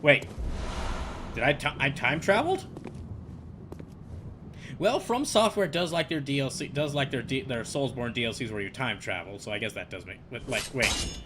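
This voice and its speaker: A man's voice: mid-range voice, animated, brisk, noisy background. A man streaming live gameplay, talking through what he sees with many restarts and fillers and reading out chat messages.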